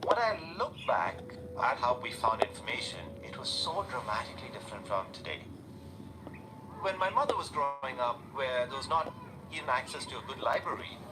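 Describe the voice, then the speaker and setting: A man's voice: medium pitch, lively intonation, a little fast. Thoughtful man, noisy recording. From India. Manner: thoughtful, with many fillers and restarts. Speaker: interviewee. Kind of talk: reflective interview answers. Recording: interview with loud background noise.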